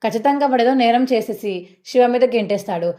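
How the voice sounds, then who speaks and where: A woman's voice: fairly high pitch, fast talker, warm tone, natural voice. A woman voicing a blunt, protective husband in a retold TV serial, speaking firmly. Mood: stern. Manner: firm, gives orders.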